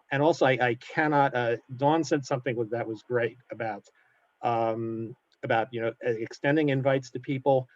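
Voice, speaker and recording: A man's voice: medium pitch, darkish tone, dry recording. Man on a panel, casual and rambling, muffled dry call audio. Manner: rambling, filler-heavy advice. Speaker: lighting designer. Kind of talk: panel talk giving career advice.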